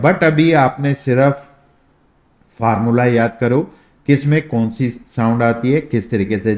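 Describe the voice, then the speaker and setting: Male shorthand tutor, slow and deliberate, echoey room. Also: medium pitch, a little mellow. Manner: slow, drawn-out demonstration of vowel sounds. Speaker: shorthand teacher. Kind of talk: explanatory lesson.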